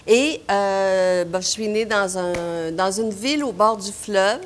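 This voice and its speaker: Brief: middle-aged Québécois woman painter, unhurried, halting with fillers, interview talk. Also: mid-range voice, slight background noise. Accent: Québécois French. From Quebec, Canada. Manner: hesitant, many "euh" fillers and restarts. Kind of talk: interview, personal recollection.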